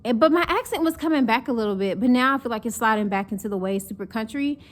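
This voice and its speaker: A young woman from North Carolina talks casually to the camera as a vlogger, her Southern accent blended with northern speech. Her voice sits fairly high and moves quickly. She is chatty and animated and acts out mocking quotes.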